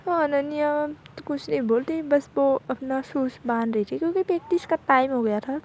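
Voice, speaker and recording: A woman's voice: sits high, normal speed, darkish tone, slight background noise. A young woman narrating a college love story casually, in a chatty, loose retelling style.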